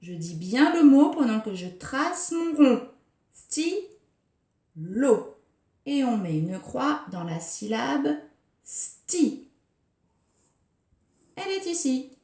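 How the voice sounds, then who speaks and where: A woman preschool teacher giving a recorded lesson for young children, speaking slowly and articulating each syllable with care. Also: high-pitched, sing-song, darkish tone. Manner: slow, carefully articulated, scanning syllables. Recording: roomy echo.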